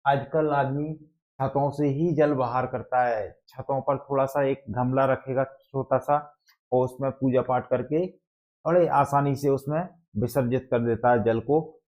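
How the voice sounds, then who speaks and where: A male teacher, explaining exam facts through memory tricks and asking the class questions again and again. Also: medium pitch. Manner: repetitive, call-and-response questioning. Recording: dull lo-fi sound.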